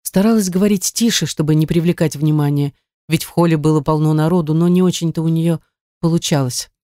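Woman audiobook narrator, mellow voice, dry close recording. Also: low-pitched, fairly even intonation, fairly quick, dry recording. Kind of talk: scripted narration.

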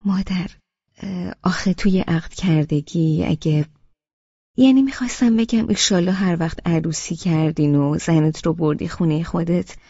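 A woman voicing a fond old grandmother who talks in a halting, motherly way, in an audiobook. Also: fairly low pitch, mellow, slightly rough, no echo, lo-fi sound. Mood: hesitant. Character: sweet chatty old grandmother, hesitant and fond. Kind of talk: audiobook character reading.

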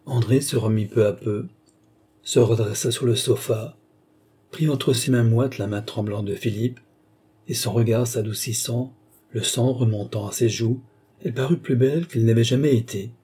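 Mellow husky male audiobook narrator. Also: medium pitch, normal speed. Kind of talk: scripted narration.

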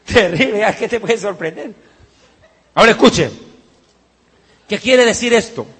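A man preaching a sermon in a heated, mocking way, with sudden shouts. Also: high voice, a little slow, husky, some chatter behind.

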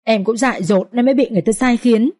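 A woman voicing a young servant woman who cries and begs for mercy in a high, wailing voice. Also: fast, mellow, lightly acted. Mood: tearful pleading. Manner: wailing, begging. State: crying. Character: young servant woman caught in adultery, pleading.

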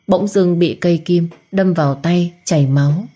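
A woman narrating a dramatic life story in a calm, measured way. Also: fairly low pitch.

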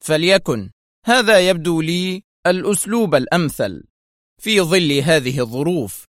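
A man voicing a stern, wary male intelligence director who speaks in a tense, measured tone. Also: a little high, no echo, clean studio sound, voice pushed up, natural voice.

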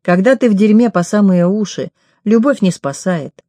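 A woman narrates a first-person novel in a measured, intimate way. Her voice is dark and mellow. The recording is dry and close, with no room echo. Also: mid-range voice, animated. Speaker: audiobook reader.

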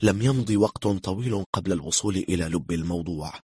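A man reading a thriller novel aloud in a steady, measured narrating voice. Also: low voice, breathy edge, dry recording, studio quality. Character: calm, cool-headed man bluffing.

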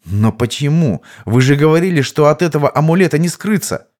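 A man voicing a tense, gruff male squad leader in an audiobook, asking curt, clipped questions. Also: fairly high pitch, lively intonation, brisk, darkish tone, voice pushed up, lightly acted.

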